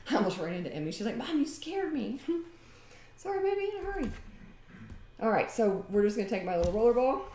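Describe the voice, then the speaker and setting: Her voice is on the low side and darkish as this home DIY vlogger casually walks through a homemade recipe. She rambles, talks a lot, and laughs often; the sound is reverberant with a little hiss or hum.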